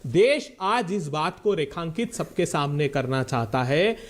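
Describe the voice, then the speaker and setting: A man's voice: a little high, expressive, unhurried. An Indian man speaking as a party spokesperson in a heated political debate, rhetorical and insistent, pressing to be heard.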